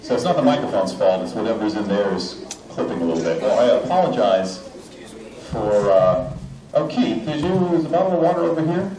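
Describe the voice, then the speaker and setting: At a convention panel, a voice actor answers fan questions in a joking, chatty way packed with filler sounds, using a handheld mic fed into the house speakers. The fairly low voice swings widely in pitch and runs a little fast. It's picked up from far off in a large, echoey hall with an audience and crowd noise, with fuzzy clipping distortion through the loudspeakers.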